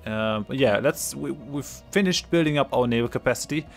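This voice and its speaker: A let's play host with a cold narrates his strategy game in a gravelly, mid-range voice at a fairly quick clip, with faint music behind him. His casual commentary is full of ums and restarts as he thinks aloud, and he laughs readily between remarks.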